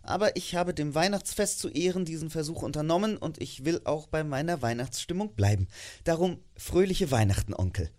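A man's voice: fairly high pitch, expressive, brisk, darkish tone, voice pushed up, natural voice. A man reading an audiobook, voicing a cheerful, earnest young nephew who pleads with feeling. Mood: hurt entreating. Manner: pleading and heartfelt.

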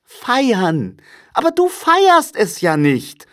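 A cheerful, warm-hearted young man with a much higher, lively voice, as a male reader puts him on. He pleads brightly and with eagerness. It is an audiobook reading. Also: extremely slow, heavily acted.

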